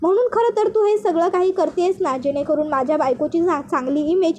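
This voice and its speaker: A woman voicing a young husband who is anxious and quick to anger, pressing with questions in a plain reading voice. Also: very high voice, warm tone, a little hiss or hum.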